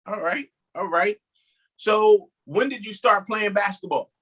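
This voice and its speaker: A man's voice: high-pitched, a little slow, a bit bright, breathy edge, low-quality recording. A man hosting an interview show, asking questions in an easygoing way and often saying "all right" between them. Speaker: show host.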